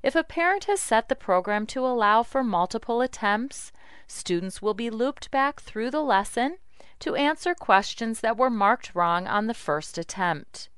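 Casting: female demo narrator, scripted instructional read, crisp voice, dry studio sound. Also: fairly high pitch, expressive, measured pace, fairly bright tone, no room sound.

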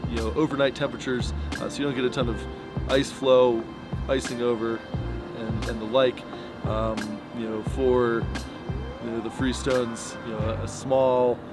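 Casual man rambling a fishing report outdoors. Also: medium pitch. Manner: relaxed, rambling, many fillers and restarts. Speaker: fly shop owner giving a fishing report. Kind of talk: casual unscripted report to camera. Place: outdoors by pickup trucks in snow. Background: music bed under the talk.

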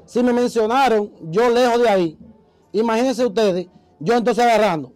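A man, an interview guest telling a story in a casual, animated way and acting out the voices he quotes. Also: very high voice, normal speed, dry recording, rough recording.

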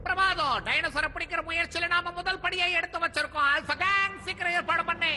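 A shrill scheming villain boss. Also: female voice, fairly even intonation, brisk, pushed and bright, soft background music, full character voice. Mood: commanding. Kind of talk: Tamil cartoon dub.

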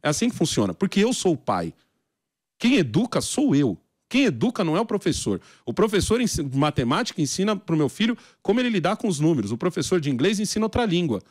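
A man's voice: sits high, big pitch swings, quick pace, darkish tone, no echo, studio quality. A man from Brazil, a podcast guest, telling slangy stories in casual chat and acting out the voices of people he quotes.

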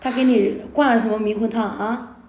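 Brief: woman, higher voice, indignant scolding rant on a livestream, echoey room. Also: steady tone, a little fast, a little mellow, slight background noise. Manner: indignant, scolding, repeats herself. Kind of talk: heated argument on a livestream. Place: indoor room at night.

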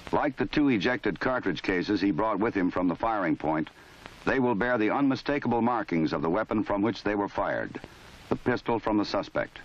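The narration, dull and lo-fi like a 1970s film track with a little hiss or hum, comes from an American man with a low voice. He reads an instructional script expressively while staying formal, measured, authoritative and matter-of-fact.

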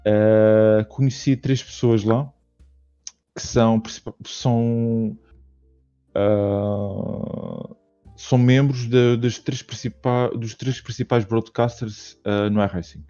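A Portuguese man chatting on a video call, his voice very dark and flat as he gropes for words through fillers and restarts. The call audio sounds muffled and lo-fi. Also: medium pitch, slow pace, clear, resonant tone, soft background music. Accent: European Portuguese. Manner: hesitant, many fillers and restarts. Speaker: podcast guest. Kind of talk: casual chat.

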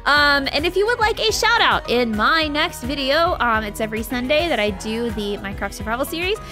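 High bright lady gamer host, super bubbly, voice bouncing all over, quiet music in the back. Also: brisk. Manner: excitable, gushing, laughs often. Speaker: gaming video host. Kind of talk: casual gameplay chat.

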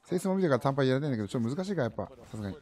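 Medium in pitch with a darkish tone, this thirtysomething man is expressive and rapid-fire. Sitting at his streamer's desk indoors, he livestreams commentary on a fighting game match, mostly in short, clipped, repeated remarks.

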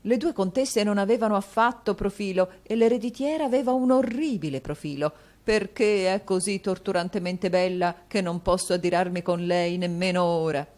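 A woman's voice: medium pitch, moderate pace, few pauses, a little mellow, pitched above the performer's own voice, natural voice. A woman voicing a self-pitying, theatrical dandy husband who exclaims and wails. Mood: melodramatic. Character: melodramatic self-pitying husband, dandy middle-aged man.

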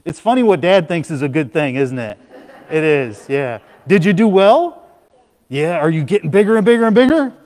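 Playful pastor chatting with children, echoing hall. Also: male voice, a little high, moderate pace. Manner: playful, animated talk to children. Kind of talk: children's moment at a church service. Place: church sanctuary. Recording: long hall reverb.

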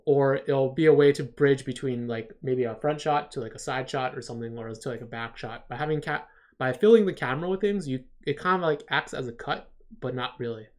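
A man's voice: mid-range voice, fairly quick. Rambling, upbeat storyboard reviewer, male. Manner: enthusiastic, rambling, heavy on "like". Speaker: storyboard artist reviewing viewer work. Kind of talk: casual livestream critique.

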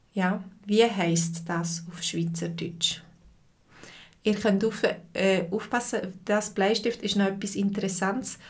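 A woman with a Swiss German accent teaching a live online language lesson, speaking slowly and clearly and repeating phrases for learners. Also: mid-range voice.

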